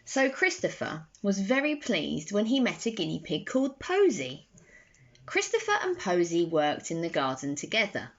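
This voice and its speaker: A young woman reads a children's bedtime story aloud in her bedroom, slow, deliberate and animated for young listeners. Her voice sits in the mid-range. The phone, held at arm's length, gives a slightly dull sound with a little hiss or hum.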